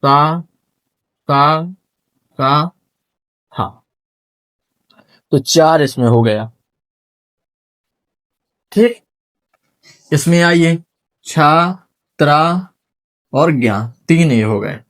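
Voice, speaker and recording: A man's voice: on the high side, extremely slow, pauses often, a bit bright. A man teaching a classroom lesson at a whiteboard, sounding out syllables one by one and quizzing his students.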